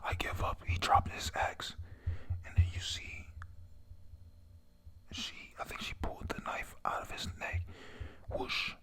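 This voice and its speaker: Narrating a manga recap, this speaker whispers breathily while reading a comic chapter aloud, stumbling a little over the lines. Excited, casual comments, some of them sweary, break in throughout.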